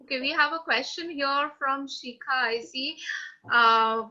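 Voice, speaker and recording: A woman moderating a webinar, halting as she searches for words while putting questions to a guest. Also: high-pitched, sharp tone. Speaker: webinar host. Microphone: video call. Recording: slightly dull online call audio.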